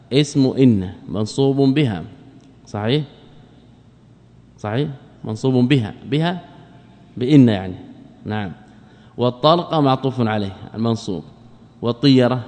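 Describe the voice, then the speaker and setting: A man teaching a classical religious text in a lesson, explaining slowly, repeating key phrases and quizzing his students. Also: medium pitch, a little mellow. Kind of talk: classical Arabic study lesson. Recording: long reverb of a lecture hall.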